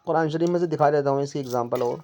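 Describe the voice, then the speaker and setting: A man tutoring a student in Quran recitation, patiently explaining and repeating each point slowly. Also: on the high side, dark tone, a little hiss or hum. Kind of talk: one-on-one tutoring lesson. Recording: dull lo-fi recording.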